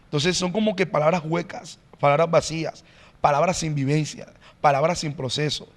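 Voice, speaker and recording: A male pastor explaining in an earnest, teacherly way as a podcast guest, often pausing on "eh". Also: fairly high pitch, fairly even intonation, big-room sound. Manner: earnest, teacherly, frequent "eh" fillers. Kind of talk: podcast interview, preaching-like explanation.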